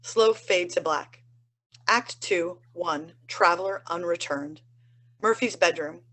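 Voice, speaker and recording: A woman reads stage directions in a measured, even way, her voice sitting a little low. It comes from an online play reading over a video call. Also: low-quality recording.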